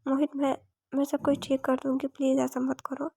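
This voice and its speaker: A woman's voice: high voice, monotone, normal speed, vocal fry, warm tone, no room sound, studio quality. A woman reading the lines of a desperate, obsessive young woman in a romance audiobook, in her own voice. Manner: read plainly in the narrator's voice.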